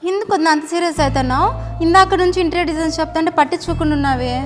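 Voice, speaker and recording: A nosy, whiny young sister-in-law, played by a woman, speaking very fast in a high voice. She pleads and pries in a roomy, echoing space with background music behind her, in a melodramatic family-drama style. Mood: pleading. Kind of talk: melodramatic short-video acting.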